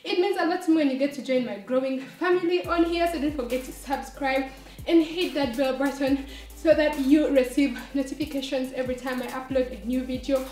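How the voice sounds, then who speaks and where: Woman, fitness instructor, encouraging, counts reps, high voice, echoey room. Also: a little fast, a little mellow. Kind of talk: workout coaching. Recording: roomy echo, distant mic, faint music.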